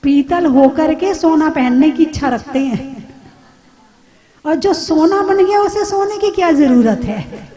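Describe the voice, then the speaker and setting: A woman delivers a spiritual discourse in a high, mellow voice. She talks to her listeners conversationally, asking rhetorical questions and adding light humor. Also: animated, measured pace. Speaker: Jain nun giving a discourse. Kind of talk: sermon.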